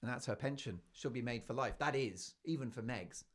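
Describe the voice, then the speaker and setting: A man's voice: mid-range voice, brisk. A man hosting a talk show, delivering emphatic, opinionated commentary with playful mocking asides. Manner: emphatic, animated, keeps asking "right?". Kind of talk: opinionated news commentary monologue.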